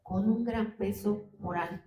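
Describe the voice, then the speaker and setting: A woman's voice: mid-range voice, steady tone, slow pace, dark tone, a little hiss or hum. A woman preaching a sermon in a church, often asking the congregation rhetorical questions. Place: church hall. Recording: roomy hall, distant mic.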